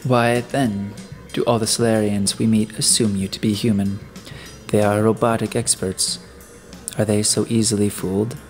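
A man's voice: on the low side, little pitch movement, moderate pace, soft background music, close to an everyday voice. A man playing a suspicious male detective who questions and gives orders bluntly. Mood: commanding suspicious. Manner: blunt, commanding, probing.

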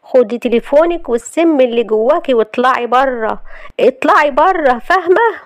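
A woman voicing a furious, heartbroken young wife in Egyptian Arabic, shouting sharp accusations. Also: sits high, fast talker, pitched above the performer's own voice, natural voice.

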